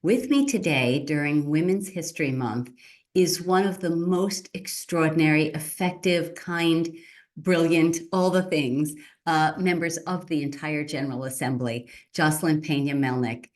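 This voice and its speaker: Low-voiced woman hosting an interview. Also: measured pace, a little mellow. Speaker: host, state senator.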